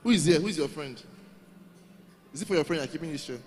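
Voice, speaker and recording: A man's voice: a little high, lively intonation, quick pace. A man hosting a live youth event in a large hall, coaxing and calling out to the crowd. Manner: coaxing, calls out to the crowd, repeats himself.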